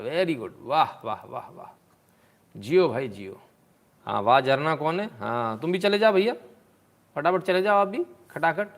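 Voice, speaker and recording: A man's voice: a little high, vocal fry. A man hosting a live stream, commenting sarcastically on video clips and answering viewers' comments in a mocking, scolding way.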